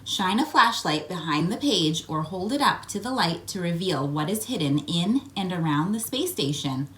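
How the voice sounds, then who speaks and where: This read-aloud host has a fairly low pitch and speaks at normal speed, with a little hiss or hum in the recording. She reads a children's picture book expressively, coaxing young listeners with questions and asides and acting out the sound words.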